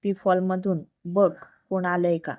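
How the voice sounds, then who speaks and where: A woman reading the lines of a stern, bossy young husband who scolds his wife out of worry, in a low, flat voice. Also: measured pace, no room sound, narrow, tinny audio, natural voice. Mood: instructing.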